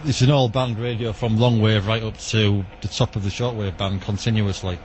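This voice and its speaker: A man with a lowish, steady voice speaks at normal speed as a guest in an outdoor radio interview. Standing in a back alley with outdoor noise around him, the radio enthusiast gives detailed, matter-of-fact answers.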